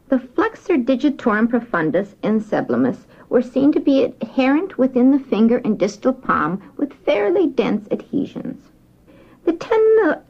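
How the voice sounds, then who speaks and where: A woman doctor dictating a medical report on a dictaphone recording, measured and clinical, spelling out names letter by letter. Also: mid-range voice, a little mellow, highs cut off.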